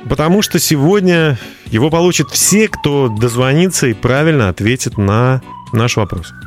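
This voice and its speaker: A male radio host delivers a promotional pitch in the style of an infomercial. His voice sits at a medium pitch, and he repeats the important details. Faint music plays along with him. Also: expressive, moderate pace. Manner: repeats phone number and key phrases. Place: radio studio.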